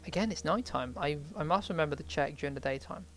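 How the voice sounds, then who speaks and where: A man's voice: a little high, fast talker, faint music behind. Man rambling over a strategy game. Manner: rambling, thinks aloud while playing. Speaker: game streamer. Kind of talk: let's play commentary.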